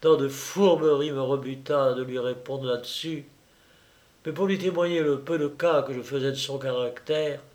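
A man reading a classic novel aloud in a measured, literary storytelling manner. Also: mid-range voice, steady tone, darkish tone. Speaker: audiobook reader. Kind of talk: scripted literary narration.

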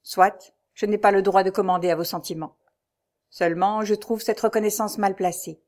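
A woman voicing a haunted middle-aged nobleman who speaks in a sombre, halting way, in an audiobook reading. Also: mid-range voice, steady tone, a little mellow, close to an everyday voice. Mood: grave.

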